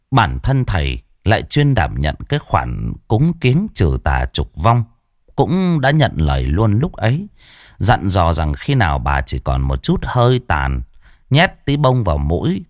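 A man with a deep, low voice tells a ghost story in an expressive, dramatic way. His pitch rises and falls widely. The sound is close and dry, with no room around it. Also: no room sound. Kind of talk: scripted narration of a ghost story.

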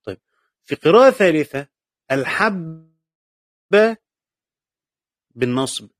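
A man's voice: fairly high pitch, very animated, takes it slowly, no echo. A man with an Egyptian Arabic accent teaching a lesson on Quran commentary, patiently asking and answering his own questions and repeating key points. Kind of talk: classroom lecture.

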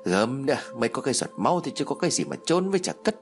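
A man's voice: mid-range voice, sing-song, racing, faint music behind, voice pushed up, natural voice. A man reading the part of a scheming, spiteful old mother-in-law who scolds and sneers. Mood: dismissive.

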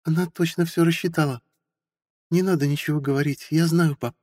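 A bitter, hurt wife in her forties, her words laced with sarcasm, as a male audiobook reader puts her on. The voice sits high and a little husky, with a long reverb trailing behind it. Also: fairly even intonation, brisk, a little mellow, studio quality, natural voice. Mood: reproachful. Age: 40s. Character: bitter hurt forty-year-old wife. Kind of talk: audiobook character voice.

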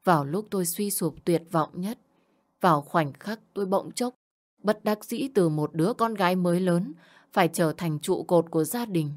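A woman reading a first-person story aloud in a soft, subdued, sorrowful way. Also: on the low side, moderate pace.

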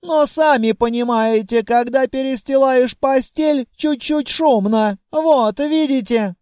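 A man's voice: very high-pitched, slow pace, darkish tone, smooth, no room sound, studio quality, voice pushed up. Man doing a timid flustered dragoness. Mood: flustered polite. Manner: shrieking, apologetic, chatty. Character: timid fussy female dragon, polite and flustered.

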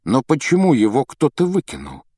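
A man's voice: mid-range voice, wildly swooping pitch, normal speed, warm tone, husky, dry recording, clean studio sound, pitched above the performer's own voice. A man voicing an ironic, skeptical schoolboy who makes offhand, mocking remarks in an audiobook reading.

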